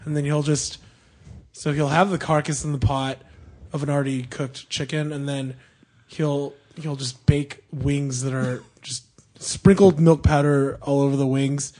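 A man on a podcast explaining things at length in casual chat, often trailing off softly. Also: fairly high pitch, fairly even intonation, unhurried. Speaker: podcast co-host.

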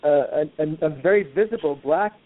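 Over a tinny, phone-like line with faint noise, a New York man in his fifties hosts a casual discussion. His voice is fairly high and his pace moderate, and he talks earnestly while often searching for words.

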